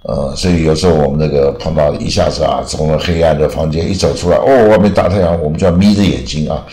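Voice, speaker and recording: An older man teaching English vocabulary, explaining slowly and rambling, with a drawn-out "ah" trailing his phrases. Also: very deep voice, fairly even intonation, dark tone, echoey room.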